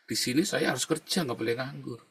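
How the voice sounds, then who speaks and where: A man pastor preaching a sermon in a chatty, storytelling way, often dropping to a low murmur and then rising into loud emphatic bursts. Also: a little fast, creaky, breathy edge. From Indonesia. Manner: conversational preaching, keeps adding "saudara ya". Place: the Netherlands.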